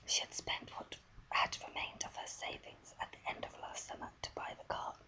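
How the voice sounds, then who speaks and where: Soft, breathy ASMR whisper reading a story. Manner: soft, deliberate story reading with small stumbles.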